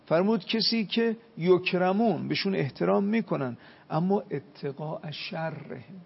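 A man's voice: high-pitched, gravelly, slightly rough, in a large hall, lo-fi sound. A man, a cleric, giving a religious talk, telling stories and chanting Arabic quotations. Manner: preaching with Arabic hadith quotes, storytelling.

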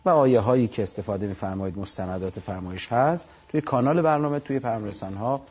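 A man's voice: on the low side, husky, lo-fi sound. A man hosting a live TV talk program. He adds short remarks and finishes his guest's sentences. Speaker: TV program host.

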